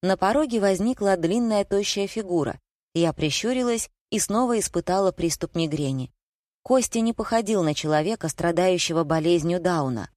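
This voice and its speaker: Dry, low-voiced woman audiobook narrator. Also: normal speed, a little mellow, no echo. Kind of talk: scripted narration, first person.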